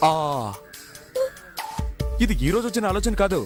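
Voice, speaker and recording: A man's voice: sits high, over music. An actor playing a cheeky young man in jail who mocks and threatens, in a dubbed film. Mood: menacing. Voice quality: cheeky, quick-talking. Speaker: prisoner. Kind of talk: Telugu film dub.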